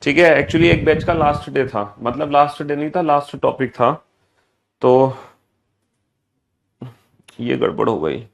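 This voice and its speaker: A man teaching a live online class, energetic, repeating his phrases and mixing Hindi with English terms. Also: on the high side, unhurried, vocal fry, long pauses. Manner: energetic, repeats phrases in sing-song greetings.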